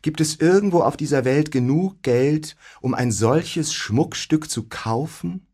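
A man's voice: a little high, unhurried, darkish tone, slightly rough, pitched above the performer's own voice. A man voicing a lovestruck young count in a storybook, gushing and sighing. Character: smitten, dreamy young count.

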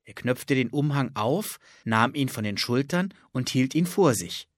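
A man reading a children's story aloud as narrator, lively and expressive. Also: medium pitch, measured pace, no echo, clean studio sound. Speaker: audiobook narrator.

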